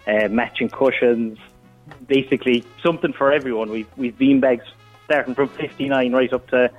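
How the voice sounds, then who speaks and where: A man's voice: medium pitch, fairly even intonation, normal speed. Man, west of Ireland accent, chatty radio guest, repeats short phrases, phone call with music behind. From County Mayo, Ireland. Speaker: business owner, phone guest. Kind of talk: casual radio interview.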